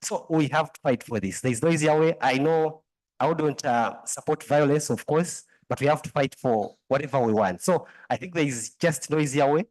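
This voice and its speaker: A man's voice: on the high side, moderate pace, a little mellow, poor audio. Earnest man urging action at a panel. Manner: earnest, insistent, repetitive. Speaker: panel speaker. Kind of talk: conference remarks.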